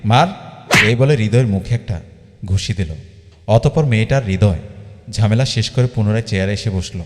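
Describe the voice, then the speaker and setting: A man narrating a fan-dub story in a steady, plain recounting manner. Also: lowish voice, fairly quick, big-room sound.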